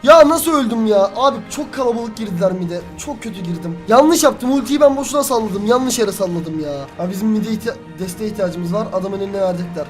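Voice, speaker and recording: Excitable young man commentating his game. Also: high-pitched, fairly quick, hardly any pauses, over music. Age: young adult. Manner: excitable, swears and shouts at teammates. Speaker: gaming youtuber. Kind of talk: live gameplay commentary.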